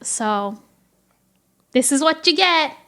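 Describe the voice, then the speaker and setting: A young woman co-hosting a casual home podcast, relaxed and slangy, laughing often into a close mic. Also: sits high, takes it slowly, background noise. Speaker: podcast co-host. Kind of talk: casual chat. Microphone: close podcast mic without shock mount.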